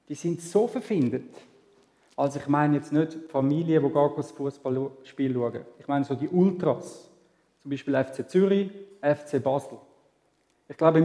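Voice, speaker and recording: A man's voice: on the high side, warm tone. A man with a Swiss German accent preaching a sermon in a conversational way, asking rhetorical questions. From Switzerland. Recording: echoey hall with long reverb.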